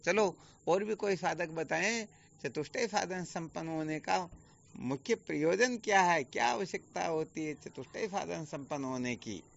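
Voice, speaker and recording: A man's voice: on the high side, lively intonation, unhurried, creaky. A man acting as a spiritual teacher, giving a patient, explanatory online discourse full of rhetorical questions. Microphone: video call. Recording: dull lo-fi online call audio.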